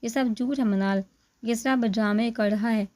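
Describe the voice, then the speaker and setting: A woman's voice: fairly high pitch, fairly even intonation, unhurried, warm tone, close to an everyday voice. A woman voicing a young husband who brushes off his friends' teasing in a dry, defensive way.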